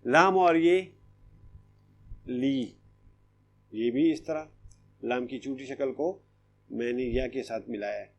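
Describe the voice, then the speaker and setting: Slow, patient male Urdu teacher. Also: medium pitch, slight background noise. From Pakistan. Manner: slow, patient, repeats and checks understanding. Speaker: primary school Urdu teacher. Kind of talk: online class lesson.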